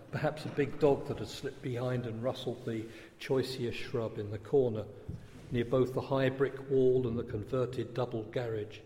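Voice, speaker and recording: Man, story narrator, measured reading, medium pitch, long reverb. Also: mellow, a little hiss or hum.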